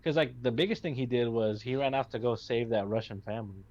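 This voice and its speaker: A man's voice: mid-range voice, fairly quick, a little mellow, lo-fi sound. A man co-hosting a live stream, chatting casually and rambling with restarts and jokey impressions. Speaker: stream co-host. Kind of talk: casual chat.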